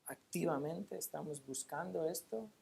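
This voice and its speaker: A woman preaching a sermon in a church. She stresses points with rhetorical questions and reads scripture aloud slowly. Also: sits low, creaky, darkish tone, slightly rough. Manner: emphatic, asks rhetorical questions and answers them.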